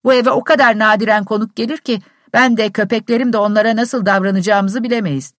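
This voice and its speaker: A woman's voice: on the high side, steady tone, fast talker, dry recording, clean studio sound, pitched above the performer's own voice, close to an everyday voice. A woman playing a cold, mocking landowner. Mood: dry mocking.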